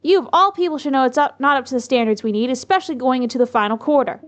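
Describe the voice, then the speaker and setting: A woman's voice: sits high, racing, close to an everyday voice. A woman voicing a stern, businesslike boss on a phone call in a story game. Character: brisk, stern office boss.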